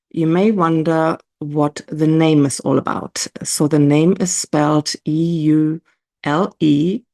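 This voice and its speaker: Unhurried middle-aged woman presenting a planner. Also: low voice, darkish tone. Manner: unhurried and chatty, with frequent "you know" fillers. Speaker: planner designer and online entrepreneur. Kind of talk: casual product walkthrough to camera.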